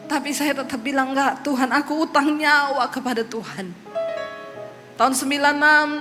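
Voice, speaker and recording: A woman from Sulawesi giving her testimony as a preacher, a lively storyteller who slips into voices. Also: a little high. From Sulawesi, Indonesia. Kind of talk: testimony sermon. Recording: long hall reverb with faint music.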